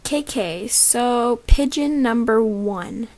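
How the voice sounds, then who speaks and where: A woman's voice: a little high, expressive, takes it slowly, a little mellow. A woman giving a casual, rambling casting call for voice tryouts, full of fillers. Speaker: show creator holding voice auditions.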